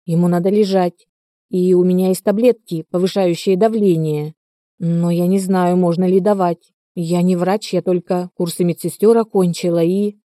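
A woman voicing a young woman with nurse training who speaks briskly and firmly. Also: fairly low pitch, fairly even intonation, warm tone, no echo, clean studio sound, natural voice. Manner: brisk, commanding.

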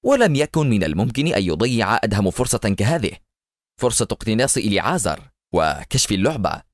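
A man's voice: fairly low pitch, sing-song, fast, no room sound, clean studio sound. A man narrating a storybook in a dramatic, scripted reading. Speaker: audiobook narrator.

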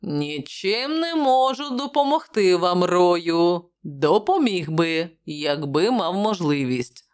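A woman's voice: lowish voice, expressive, slow, hardly any pauses, darkish tone. A woman voicing a jovial, wry male journalist who talks in a bantering way.

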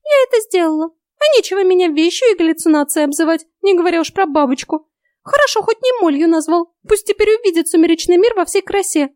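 A woman voicing a touchy, shrill little female fairy in an audiobook, with squealing, indignant outbursts. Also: animated, fast talker, darkish tone, no echo, clean studio sound. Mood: smug. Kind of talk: audiobook character voice.

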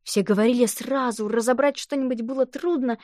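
A woman narrating a children's novel as an audiobook, reading in a lively, expressive way. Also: on the high side, fairly quick, no room sound, clean studio sound.

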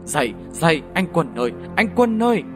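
A man's voice: a little high, sing-song, moderate pace, over music. Man voicing an insistent young village wife. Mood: urgent. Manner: pressing, insistent.

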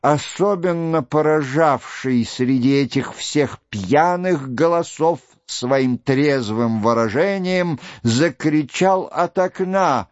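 A man reading a classic novel aloud in slow, measured literary narration. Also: no room sound, lo-fi sound. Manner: slow, measured reading, voicing quoted shouts louder and higher. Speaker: audiobook reader.

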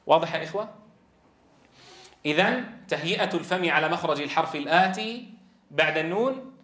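A male Quran recitation teacher with a high voice lectures to a class. He asks his students questions and stretches sounds out slowly to demonstrate them. The room is echoey. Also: a bit bright. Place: classroom with a board.

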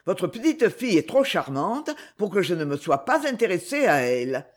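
Guy reading as a cocky rich young charmer, husky, haughty, swings up and down a lot. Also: sits high, very animated, normal speed. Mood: ironic. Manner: ironic, haughty, insistent.

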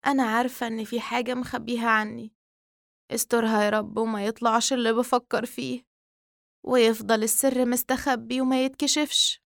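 A woman plays an anxious Egyptian mother praying for her son. She pleads fervently in a fairly high voice. The sound is dry and close. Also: flat delivery, fairly quick, vocal fry, dry recording. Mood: pleading.

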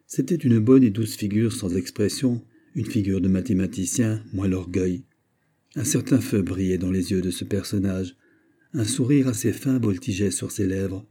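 A man reading a classic novel aloud as an audiobook narrator, in a measured storytelling manner. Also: low voice, warm tone, breathy edge. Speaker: audiobook reader.

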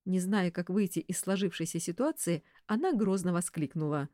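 A woman narrating an audiobook with expressive storytelling. Her pitch moves in wide, lively arcs, and the sound is dry and close with no room around it. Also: moderate pace, no echo.

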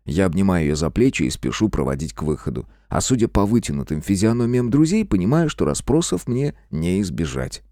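A man narrating a first-person audiobook in a wry, expressive way. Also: deep voice, a little fast, hardly any pauses, dry recording, studio quality.

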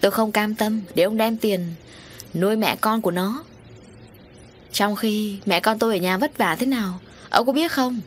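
A woman voicing an angry, wronged middle-aged wife who confronts her unfaithful husband in shrill, accusing words. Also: moderate pace, a little hiss or hum, natural voice. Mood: indignant.

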